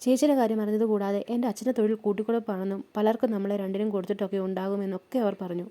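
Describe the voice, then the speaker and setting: Woman doing a tearful schoolgirl, raised and strained, dark mellow tone; storybook role. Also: mid-range voice, fairly even intonation, racing, close to an everyday voice. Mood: upset. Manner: tearful, complaining questions. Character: teenage schoolgirl, hurt and upset.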